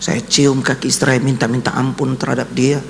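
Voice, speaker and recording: A man's voice: flat delivery, fairly quick, vocal fry, big-room sound, a little hiss or hum. A man preaching a sermon with a personal testimony, speaking emotionally and addressing the listeners directly. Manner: emotional, voice rising to high cries when quoting his son. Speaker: pastor.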